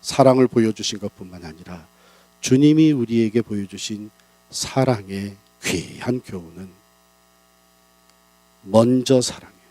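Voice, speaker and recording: A man preaching at a church revival, rising and falling sharply in pitch and loudness as he presses his points. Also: a little slow, long pauses, no echo, rough recording. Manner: dramatic, big swings in pitch and loudness. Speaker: pastor. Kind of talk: revival sermon.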